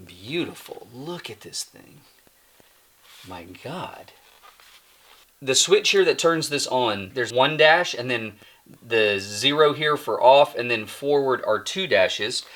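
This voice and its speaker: A man's voice: mid-range voice, a bit bright. A man hosting his own channel, giving a casual hands-on toy review in a rambling, self-mocking, chatty way.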